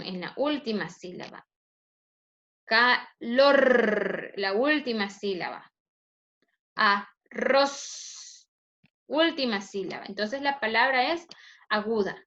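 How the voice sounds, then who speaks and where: A woman teacher giving a review lesson, speaking slowly and stretching words out syllable by syllable, asking the class questions and answering them herself. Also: fairly high pitch, sharp tone, highs cut off. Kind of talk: recorded review lesson over screen slides.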